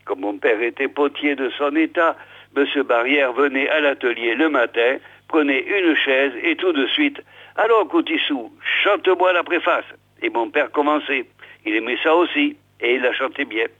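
A man's voice: medium pitch, normal speed. A man telling a folksy village tale, chatting to his listeners directly. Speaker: storyteller. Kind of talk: folksy oral storytelling. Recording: tinny phone-like old recording.

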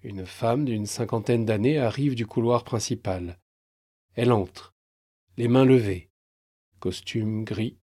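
Brief: male storyteller, husky, very slow and measured, tense. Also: on the low side, warm tone. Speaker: narrator. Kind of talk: scripted dramatic narration.

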